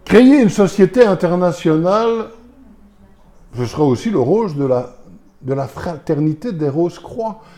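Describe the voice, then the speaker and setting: A pastor with a Belgian French accent preaches emphatically to his congregation, pressing them with rhetorical questions. His voice is high, animated and dark in tone, moving at a moderate pace.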